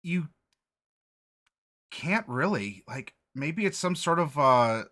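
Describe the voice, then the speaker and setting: A man's voice: on the high side, lively intonation, slow pace, bright, forceful tone. Man improvising as game master. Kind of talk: improvised tabletop game narration.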